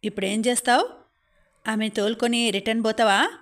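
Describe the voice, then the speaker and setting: A woman's voice: fairly high pitch, fairly even intonation, moderate pace, close to an everyday voice. A woman voicing a stern older village man who scolds with blunt questions, speaking with a Telangana accent in an audiobook reading. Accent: Telangana Telugu.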